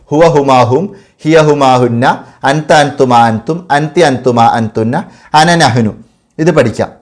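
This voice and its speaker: A man's voice: on the high side, darkish tone. A man teaching an exam revision lesson patiently, repeating key terms and asking and answering his own questions. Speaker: madrasa teacher.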